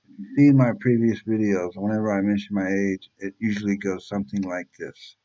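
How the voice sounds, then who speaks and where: With a fairly low, dark, steady voice and a brisk pace, a man in his fifties hosts his reaction channel. His monologue is casual, blunt, rambling and full of swearing, captured in lo-fi sound.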